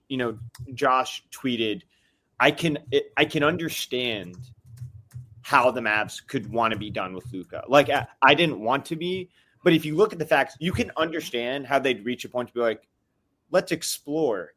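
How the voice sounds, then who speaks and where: A man's voice: mid-range voice, lively intonation, normal speed, a bit bright. Fired-up man venting in rambling bursts. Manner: fired-up, rambling, many restarts and fillers. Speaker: caller on a live fan podcast. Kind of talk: casual venting chat.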